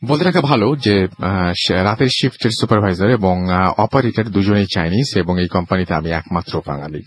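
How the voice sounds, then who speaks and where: A man's voice: fairly low pitch, husky. A man hosting a storytelling show, reading a listener's ghost story aloud, with a sore throat. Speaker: host reading a listener's email.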